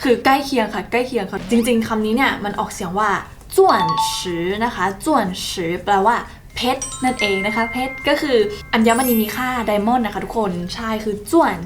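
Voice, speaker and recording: A young woman with a fairly high voice talks her viewers through a casual lesson. She keeps checking in with questions and tosses in playful sound effects. Clear music plays behind her. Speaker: online Chinese tutor. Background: background music.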